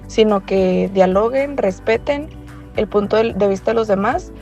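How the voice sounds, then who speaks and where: A woman's voice: medium pitch, normal speed, darkish tone, soft background music. A woman teacher explaining her classroom approach, with small restarts. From Mexico. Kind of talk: interview testimony.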